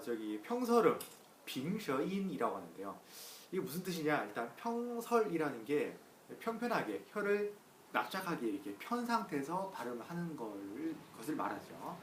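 A man gives a casual pronunciation lesson, chatting with many fillers and slowly repeating each sound several times. His pitch swings a lot as he talks. He sounds a little far from the mic in an echoey room. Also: slight background noise. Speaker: Chinese pronunciation teacher. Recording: roomy echo, voice a bit far from the mic.

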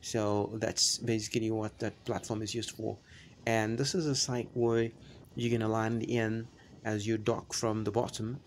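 A man narrating a travel vlog, describing the view in a halting way, with many fillers and restarts. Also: fairly low pitch, little pitch movement, slight background noise. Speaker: travel vlogger.

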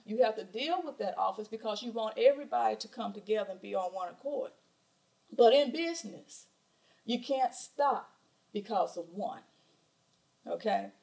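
A woman's voice: fairly high pitch, a little mellow, poor audio. A middle-aged woman with a Southern US accent preaching a sermon from a church pulpit, with rhetorical questions and emphatic repetition. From southern United States. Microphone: pulpit microphone.

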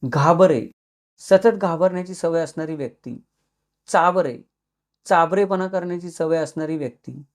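A man's voice: on the high side, measured pace. A man with a Marathi accent, hosting his own channel, who goes through a list of words and explains each one in turn. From Maharashtra. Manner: steady list-like explanation, each entry followed by its meaning. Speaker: YouTube channel host. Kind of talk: explanatory talk listing surnames.

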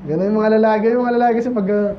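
High-voiced preacher in a casual sermon. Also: male voice, fairly even intonation, racing, muffled recording, background noise. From Philippines. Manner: casual, asks the congregation "di ba?" and "Amen?". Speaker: pastor. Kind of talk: conversational Baptist sermon. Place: church.

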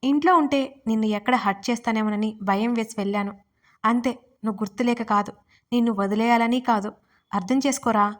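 A woman's voice: fairly high pitch, a little fast, natural voice. Storybook husband, young man, anxious and scolding, voiced by a female narrator. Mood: pleading. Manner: shouting, scolding.

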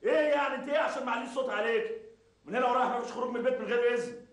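An actor playing a domineering, mocking husband who bullies his wife, in an Egyptian accent. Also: very high voice. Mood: angry. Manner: rapid-fire, bullying, mocking. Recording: echoey room, faint hiss.

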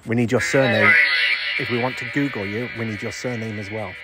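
A man on a ghost hunt, slowly and patiently putting questions to unseen spirits at an old estate ice house. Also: fairly low pitch, steady tone, loud music behind the voice. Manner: slow, coaxing questions to an unseen listener. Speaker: ghost hunter.

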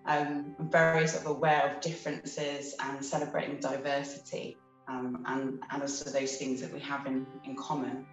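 A woman's voice: a bass voice, little pitch movement, moderate pace, faint music behind. A woman artist speaking earnestly in an interview, with frequent ums. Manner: earnest, with many fillers. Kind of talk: interview monologue. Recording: echoey room, mic far off.

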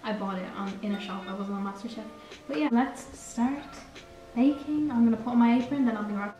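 A woman's voice: a little high, a little fast, warm tone. A teenage girl chatting in a rambling, self-correcting way while she bakes in her home kitchen. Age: teens. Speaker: vlogger. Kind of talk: casual baking vlog chat. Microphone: camera across the kitchen. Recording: roomy kitchen echo, distant camera mic, background music.

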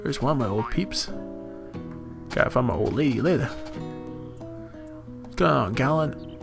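A man giving casual, jokey gameplay commentary, animated and often yelping in surprise. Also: mid-range voice, a little slow, creaky. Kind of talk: casual let's-play commentary. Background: game music.

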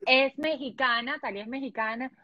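A woman's voice: sits high, brisk, highs cut off, a crowd in the background. A young woman from Venezuela with a Venezuelan accent, a guest on a casual live video chat, bubbly and laughing often. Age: young adult. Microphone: video call.

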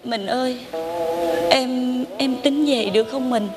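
An actress playing a long-suffering young wife with a Southern Vietnamese accent, speaking in soft, pleading tones on stage. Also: female voice, high-pitched, measured pace. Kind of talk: stage drama acting. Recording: stage recording with background noise.

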